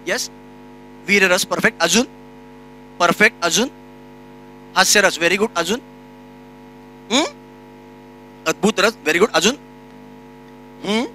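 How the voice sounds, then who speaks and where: Bright-voiced man teaching a workshop. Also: sits high. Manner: lively, switches between demo voices and plain explanation. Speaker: voice-over and radio workshop instructor. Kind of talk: workshop lecture with spoken demonstrations. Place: workshop room.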